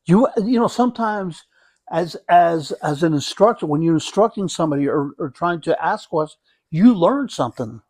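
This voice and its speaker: A man speaking as a hospice nurse in a conversational interview, reflecting haltingly and often repeating and rephrasing his phrases. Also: fairly high pitch, expressive, a little mellow, dry recording.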